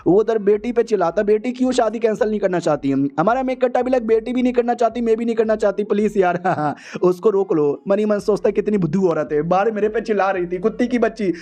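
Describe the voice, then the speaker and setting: Young man, high voice, mellow dark tone, playful comic recap, jokey quick character voices. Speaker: manhwa recap narrator. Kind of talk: casual storytelling recap.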